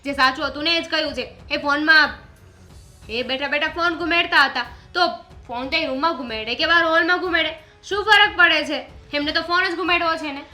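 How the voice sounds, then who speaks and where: A woman's voice: sits high, brisk, bright, forceful tone, faint music behind. An actress playing a young daughter-in-law who argues back defensively with her mother-in-law. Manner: argumentative, defensive. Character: defiant young daughter-in-law, sharp-tongued.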